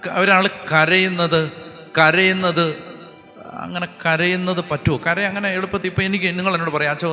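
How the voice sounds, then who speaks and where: Bright-voiced priest preaching. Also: male voice, sits high. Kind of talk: sermon. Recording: long hall reverb with faint music behind.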